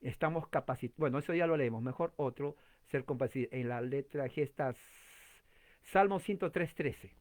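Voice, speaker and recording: A man's voice: mid-range voice, moderate pace, a little mellow. A man leading a conversational Bible study, chatty and informal, often putting direct questions to his listeners and restarting his sentences.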